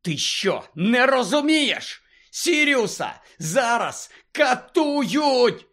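A man reading the part of an angry teenage boy wizard who shouts urgently in a storybook. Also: sits high, very animated, unhurried, voice pushed up, heavily acted. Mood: snapping.

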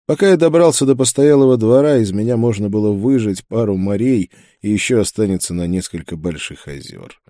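A man narrating a first-person fantasy audiobook in a measured, grim way. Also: fairly low pitch, expressive, mellow, no room sound, studio quality.

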